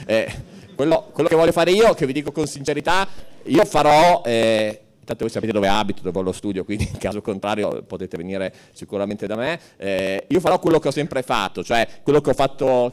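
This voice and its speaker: A man speaking as a newly elected city councillor to an assembly, halting with many fillers and restarts and slipping in wry asides. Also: medium pitch. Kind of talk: informal political speech.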